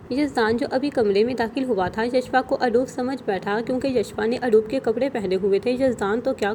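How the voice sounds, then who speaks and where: A woman narrating a romance novel in a steady, even storytelling manner. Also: fairly high pitch, slight background noise.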